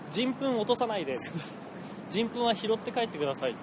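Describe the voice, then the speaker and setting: A man's voice: high voice, sing-song, moderate pace, background noise. A man in his thirties hosting a podcast in casual chat, recorded outdoors on city streets. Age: 30s. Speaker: podcast host.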